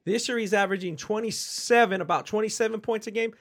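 A man with a slightly high voice and a bit of a cough co-hosts a sports podcast. He chimes in with quick agreement and gives animated takes in casual conversation. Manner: quick affirmations, animated opinions. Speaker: podcast co-host.

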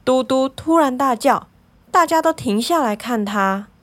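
A woman narrating a children's story in a gentle, lively, clearly paced way. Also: high voice, a little slow.

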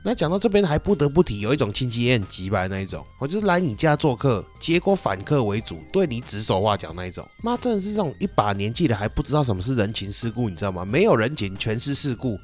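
A podcast host with a Taiwanese Mandarin accent rants quickly and swears freely, sounding like casual comedy talk. His pitch sits in the middle, but it swings all over the place as he gets worked up. The delivery is rapid and full of energy. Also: soft background music. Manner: profane, animated ranting.

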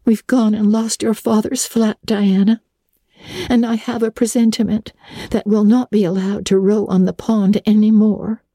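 A woman's voice: medium pitch, little pitch movement, moderate pace, warm tone, no room sound, pitched above the performer's own voice, close to an everyday voice. A woman reading aloud, voicing a talkative, imaginative orphan girl who speaks earnestly and theatrically.

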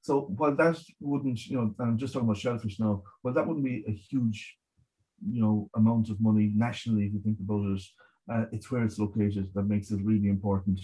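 Mellow, even-toned west of Ireland man. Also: fairly low pitch, low-quality recording. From Galway, west of Ireland. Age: middle-aged. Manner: measured, hesitant repetition of words, frequent 'you know'. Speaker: marine scientist guest. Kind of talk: conversational interview explanation.

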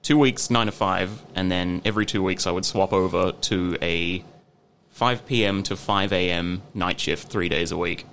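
A man's voice: low-pitched, fairly even intonation, normal speed, fairly bright tone, slight background noise. A man co-hosting a podcast, telling work stories in a dry, wry way. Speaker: podcast co-host. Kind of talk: casual chat.

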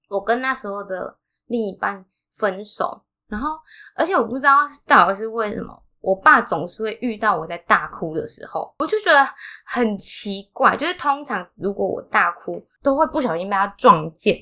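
Co-hosting a laid-back podcast, a young woman with a Taiwanese Mandarin accent shares a heartfelt personal story, laughing as she talks. She sounds animated, pushed, and bright in a mid-range voice, at a moderate pace.

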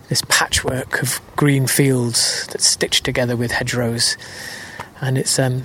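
A man, a storyteller narrating outdoors as he walks, musing and hesitant, a little out of breath. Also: medium pitch. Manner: musing, hesitant with many fillers. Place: outdoors on a countryside hill.

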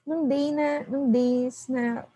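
A woman's voice: sits high, fairly even intonation, slow, warm tone, slightly rough, no room sound, low-quality recording. A woman telling a personal story in a casual, chatty way, with lots of fillers and asides.

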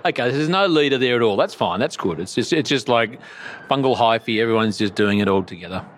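A man's voice: medium pitch, lively intonation, quick pace. An Australian man hosting a casual, joking interview, talking in a slangy, laid-back blokey way like an Aussie tradesman. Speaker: podcast host interviewing at a conference. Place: outside area of a conference venue. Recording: faint outdoor background noise at event.

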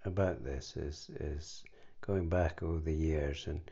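An older Scottish man reminisces in a very low, gravelly voice. He speaks haltingly, pausing and restarting often. The recording sounds somewhat dull and lo-fi. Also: warm tone. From Scotland. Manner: halting, many fillers and restarts. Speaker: interviewee. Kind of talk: reminiscing conversation.

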